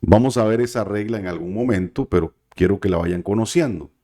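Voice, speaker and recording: A man's voice: fairly low pitch, a little fast, dark tone. A man teaching a biblical Hebrew class, patient and careful, often checking in with his students. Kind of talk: classroom lesson.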